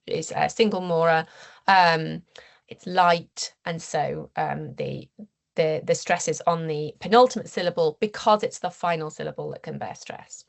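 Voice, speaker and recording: An English woman lecturing at a university seminar, measured and careful, with frequent fillers and restarts. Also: fairly low pitch, vocal fry. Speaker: university researcher giving a seminar talk. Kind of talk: academic lecture.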